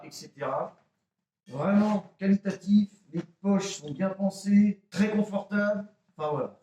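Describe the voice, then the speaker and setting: A chatty man shows off his kit, talking straight to his viewers and joking at his own expense. His voice sits a little high for a man. The sound is roomy, and he is heard from some distance off the mic. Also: darkish tone. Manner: chatty, addresses viewers as "les gars", self-mocking. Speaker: airsoft gear vlogger. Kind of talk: casual gear show-and-tell. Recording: roomy echo, mic a bit far off.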